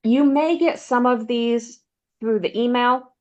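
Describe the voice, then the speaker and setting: A woman presenting a benefits counseling webinar, walking listeners through slides in a steady, explanatory way. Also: fairly high pitch, takes it slowly, highs cut off. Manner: explanatory, steady, uses "um" fillers.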